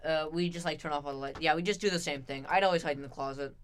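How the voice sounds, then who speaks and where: A man with a slightly raised pitch co-hosts a loose podcast chat. He rambles through his stories and leans heavily on "like" and "uh" to hold his place between thoughts. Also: rapid-fire, fairly bright tone, clean tone. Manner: rambling, full of fillers like "like" and "uh". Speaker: podcast co-host. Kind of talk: casual chat.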